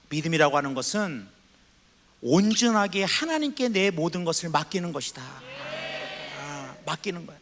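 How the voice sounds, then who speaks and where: Lively, bright-voiced Korean pastor preaching. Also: male voice, high voice, long reverb tail. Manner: animated preaching, asks the congregation questions; reads scripture aloud slowly. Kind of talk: sermon. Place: church sanctuary.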